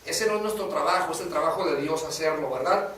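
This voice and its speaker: A man's voice: a little high, quick pace, a bit bright. A man preaching a sermon in a casual way, often calling the listener "brother" and asking "right?". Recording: echoey room, voice from a distance.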